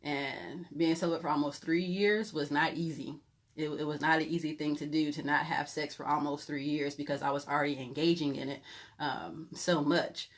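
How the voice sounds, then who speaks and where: A young woman leads a Bible teaching in a loose, conversational manner, often pausing on fillers as she shares frank stories from her own life. Her voice sits notably low for a woman. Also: steady tone. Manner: conversational, filler-heavy, candid and self-revealing. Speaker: pastor teaching a Bible lesson. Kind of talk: informal teaching talk.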